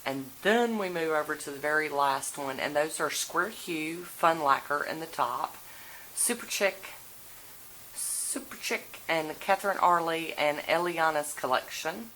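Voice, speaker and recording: A female vlogger with a deep, slightly bright voice shows off her nail polish collection at a measured pace. The casual, folksy tour was filmed indoors at home on a handheld camera, and the recording is noisy with clicks.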